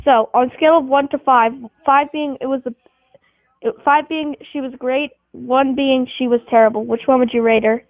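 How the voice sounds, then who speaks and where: A woman hosts an improvised question game in a rambling, giggly way, restarting her sentences often. Her voice sits very high. The sound is dry and thin, like a phone line. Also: steady tone, moderate pace, no room sound. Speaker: game host posing scenarios. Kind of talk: casual chat.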